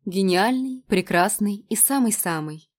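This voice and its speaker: A woman's voice: medium pitch, lively intonation, measured pace. A woman reading an audiobook who voices a skeptical, sarcastic young woman, close to her own voice. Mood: dry. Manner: dry and sarcastic.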